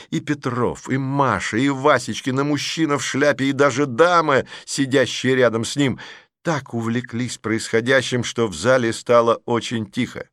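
A man narrating a humorous children's story in a lively, expressive way. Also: medium pitch, no room sound, clean studio sound. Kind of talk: storybook reading.

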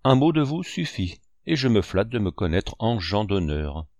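A man's voice: on the low side, sing-song, moderate pace, darkish tone, no echo, clean studio sound. A man voicing a sly one-legged pirate cook who speaks with ingratiating, false courtesy in an audiobook reading. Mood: cheerful.

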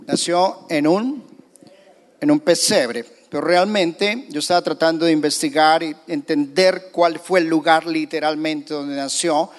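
A man, a pastor, preaching a sermon in a church with emphatic, dramatic delivery. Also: on the high side. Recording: reverberant church hall.

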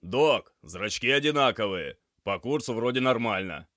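A man voicing a brisk male paramedic who shouts clipped orders at his team. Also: on the low side, no echo, studio quality. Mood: barking orders.

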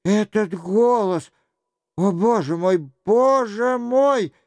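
A man's voice: high voice, takes it slowly, darkish tone, dry recording, clean studio sound, pitched above the performer's own voice. Old baron, trembling and overcome, cries out in a quavering, raised voice, read by a man narrator. Storybook reading. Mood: overwhelmed. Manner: exclaiming, quavering.

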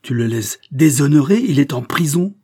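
A man voicing a proud, indignant young woman, speaking sharply with his voice pushed higher. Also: lively intonation, moderate pace, warm tone, husky.

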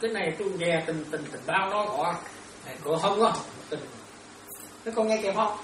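A woman's voice: medium pitch, expressive, a little fast, a little hiss or hum. A woman, a Buddhist nun, teaching lay followers in a dharma talk and often checking whether they follow. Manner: questioning listeners often, repetitive. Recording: echoey room, distant mic.

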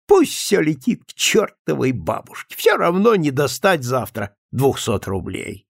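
A maudlin drunk man pours out his heart in an emphatic, swinging voice with a gravelly edge, as a male reader puts him on. He pleads and boasts by turns in an audiobook reading. The sound is close and dry. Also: fairly high pitch, wildly swooping pitch, measured pace, no echo, heavily acted. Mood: maudlin, boastful. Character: drunken, self-pitying male friend confessing.

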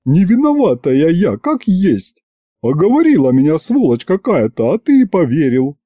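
A man voicing a loud, tearful older village woman who wails in folksy speech. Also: huge pitch swings, unhurried, no room sound, full character voice. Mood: wailing. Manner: shrill wailing, folksy speech.

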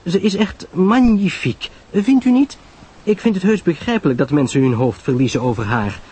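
A man voicing a chatty, nosy young society woman who gushes in a high, lilting voice. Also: moderate pace, darkish tone, breathy edge. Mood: gushing. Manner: breathless gushing, high and lilting.

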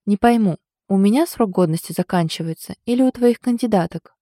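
A woman's voice: medium pitch, fairly quick, mellow, dry recording, studio quality, close to an everyday voice. A woman voicing a sly joking ex-soldier man. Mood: teasing. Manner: mocking, playful.

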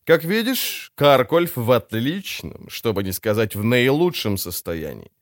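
A man reading as a smooth, sly old crime boss. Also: medium pitch, very animated, measured pace, dry recording, studio quality. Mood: smooth, expansive. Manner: smooth, expansive and self-justifying. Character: vain sly older male crime boss. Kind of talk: audiobook character voice.

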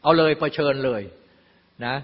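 An older man teaching a Buddhist dharma talk in a folksy way, explaining with everyday examples and asides. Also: unhurried. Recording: lo-fi, long hall reverb.

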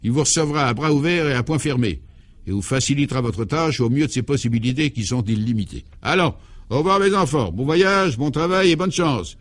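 A man's voice: animated, a little fast, close to an everyday voice. A man voicing Clovis du Tilleul, an eccentric, jovial 64-year-old former priest, in an old-style French radio comedy, fatherly and exuberant. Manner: exuberant, fatherly, talks up high.

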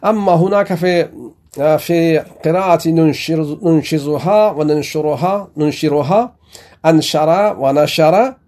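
A man teaching a Quran commentary lesson, slowly reading quoted passages and explaining them with frequent restarts. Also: on the high side, a little mellow. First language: Pashto or Dari. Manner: slow, deliberate reading of quoted text with explanations; frequent self-corrections and restarts. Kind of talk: classroom lesson.

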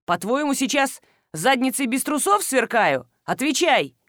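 A woman reading an audiobook, voicing a hot-tempered middle-aged male farmer who talks loud, scolding and mocking. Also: medium pitch, lively intonation, moderate pace, no echo, studio quality, lightly acted. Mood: angry. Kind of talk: audiobook dialogue.

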